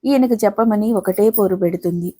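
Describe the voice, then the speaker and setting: A woman's voice: medium pitch, fairly quick, mellow, lightly acted. A woman voicing a playful, mischievous young wife who coaxes and teases her husband. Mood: teasing. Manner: coaxing, mischievous.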